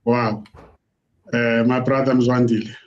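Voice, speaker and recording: A man's voice: medium pitch, level tone, unhurried, muffled recording, slight background noise. A man hosting a live online interview, greeting guests effusively with many fillers. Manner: warm, effusive greetings, hesitant. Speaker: host. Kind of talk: casual interview.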